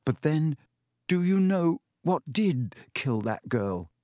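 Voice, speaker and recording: Brief: a teenage boy wizard, scared but brave, urgent and high-pitched, as a male narrator plays him. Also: big pitch swings, slow pace, warm tone, dry recording, studio quality. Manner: urgent and pressing.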